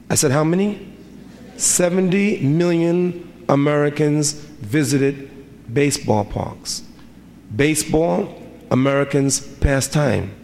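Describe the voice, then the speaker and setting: A middle-aged imam delivers a sermon with a rhythmic cadence, repeatedly posing rhetorical questions. His voice is slightly high and a bit mellow, recorded in a reverberant hall with faint background ambience.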